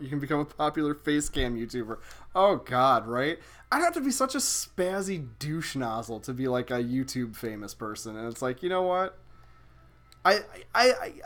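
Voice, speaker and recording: Lively young man chatting while gaming. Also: fairly high pitch. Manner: animated, swears often, exclaims at the game. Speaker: game streamer. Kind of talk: casual chat while streaming a video game.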